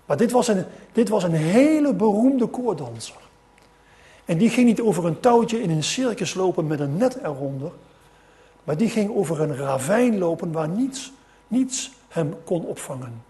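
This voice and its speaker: A man's voice: sits high, very animated, normal speed, dark tone. Dutch-speaking male preacher telling a story. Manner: storytelling, with many restarts and rising emphasis. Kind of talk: sermon.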